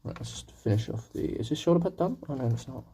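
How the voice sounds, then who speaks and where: Animated and fast-talking, a young man with a sore throat chats to his stream viewers as he paints, his medium-pitched voice gravelly and husky. He rambles and makes fun of himself, with background noise in the recording.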